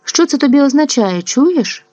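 A woman voicing a desperate, unhappy peasant woman who pleads in a hushed, half-whispered voice. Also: sits high, lively intonation, moderate pace, pitched above the performer's own voice. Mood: pleading. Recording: dull lo-fi dry recording.

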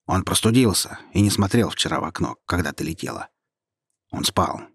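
Man voicing a snide know-it-all female ornament, patronizing, husky, dry close sound. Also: deep voice, expressive, moderate pace, dry recording, full character voice.

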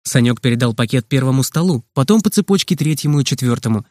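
A man narrating a children's storybook in a lively reading voice, lifting his pitch for the children's lines. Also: fast, no room sound, studio quality. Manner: lively, plays each child's line with raised pitch. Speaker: audiobook narrator.

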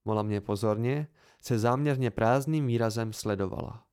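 A man narrating a novel as an amateur audiobook reader. His reading is calm and steady, with a middle-pitched voice. It sounds like a home-made audiobook. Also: clean tone.

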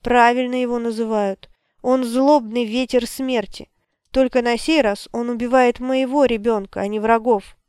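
A desperate young mother begs in a raised, tearful voice, as a woman reader puts her on. The tone is smooth and clean. The read is dry and close, with no room around it. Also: steady tone, moderate pace, darkish tone, dry recording, close to an everyday voice. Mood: sobbing. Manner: high, pleading, close to tears.

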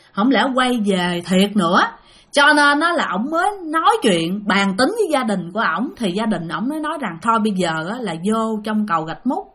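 A woman's voice: on the high side, pushed and bright, breathy edge. A woman telling a ghost story in a chatty, dramatic way, speaking straight to her listeners. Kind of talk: casual ghost-story narration.

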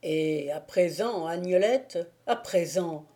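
A woman voicing a tormented young man who pleads in a low, heavy voice, in an audiobook. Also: slow, dark tone. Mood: pleading. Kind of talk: audiobook character reading.

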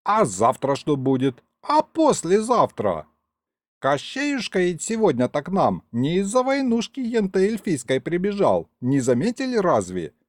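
A man's voice: high-pitched, wildly swooping pitch, a little slow, no room sound, voice pushed up, exaggerated voice. A man voicing a cranky old grandfather house spirit with grumbling, folksy speech in an audiobook.

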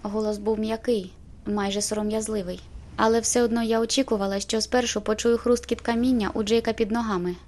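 A woman narrating a first-person audiobook in a steady, measured way. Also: on the high side.

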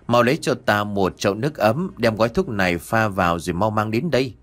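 A man's voice: lowish voice, animated, fairly quick, lightly acted. A man voicing an older village midwife who scolds and gives orders. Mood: bossy. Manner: scolding, commanding.

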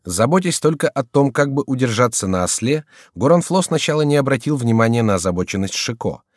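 A man narrating an audiobook in an expressive, scripted reading. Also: medium pitch, fairly quick, no room sound, clean studio sound.

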